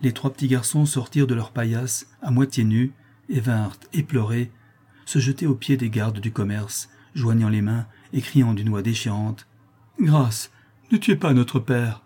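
A man reading a novel aloud in measured, subdued scripted narration. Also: mid-range voice, fairly even intonation, mellow, slightly rough. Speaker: audiobook narrator.

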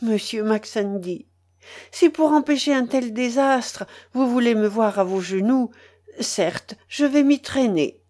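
A woman's voice: a little high, a little slow, dark tone, pitched above the performer's own voice. A woman reading an audiobook, voicing a frightened young woman who pleads in a trembling voice. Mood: submissive.

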